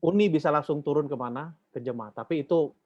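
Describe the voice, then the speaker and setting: A man from the Batak region speaks informally to a church group. He rambles, uses a lot of fillers and poses questions for the listeners to complete. The recording is dull and dry, like low-fidelity audio. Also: fast, darkish tone, dry recording. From Batak, North Sumatra.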